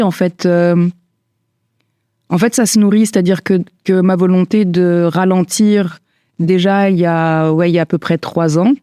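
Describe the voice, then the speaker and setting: A woman in her forties, a podcast guest, talking things through in a casual, reflective way, full of pauses, fillers and restarts. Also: fairly low pitch, mellow, smooth, no room sound, clean studio sound. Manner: hesitant, many fillers and restarts. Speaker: guest, stylist and entrepreneur.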